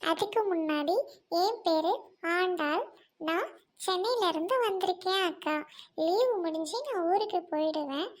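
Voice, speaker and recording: A woman's voice: very high voice, unhurried. A woman voicing an earnest, outspoken young city woman in a cartoon, talking in a pleading tone.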